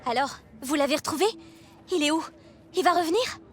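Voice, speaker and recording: A woman's voice: high voice, brisk, a little hiss or hum, natural voice. A woman playing an anxious, self-doubting friend in a French video game, hesitant and fretful. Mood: worried.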